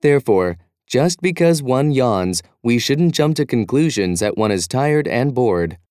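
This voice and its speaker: Male reader for test audio, steady formal delivery, dry booth sound. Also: mid-range voice, measured pace, clear, resonant tone, no room sound. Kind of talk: scripted exam listening speech.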